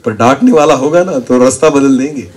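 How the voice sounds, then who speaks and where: A male pastor preaching a call-and-response sermon, questioning the congregation, having them repeat answers back, and breaking into sudden shouts. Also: medium pitch, fairly quick, a little hiss or hum.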